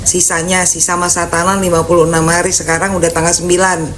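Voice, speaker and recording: A woman from the Betawi area of Jakarta, Indonesia, answers viewers on a live stream in a casual, colloquial way, blunt and a bit sassy, with a Jakarta accent. Her voice is on the low side and fairly level, and she talks fast. Background noise is audible.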